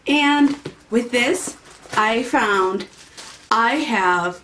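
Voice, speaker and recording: Slow, chatty woman unboxing makeup. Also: fairly high pitch, animated, pushed and bright, slight background noise. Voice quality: occasional sing-song voice. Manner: chatty, rambling, easily delighted. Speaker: beauty vlogger. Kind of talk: casual unboxing chat.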